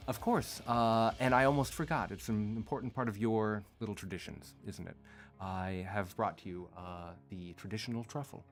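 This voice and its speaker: A man's voice: on the low side, normal speed, soft background music, close to an everyday voice. A man voicing an imperious princess in a tabletop game, formal and mock-gracious, with coolly polite airs. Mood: condescending. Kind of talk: tabletop game role-play.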